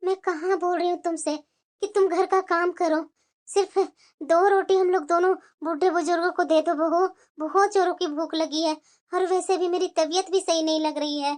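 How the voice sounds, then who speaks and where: A woman's voice: extremely high pitch, steady tone, moderate pace, a little mellow. A woman voicing an elderly cartoon mother-in-law who pleads with her daughter-in-law for food. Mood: pleading. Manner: pleading, calling out plaintively.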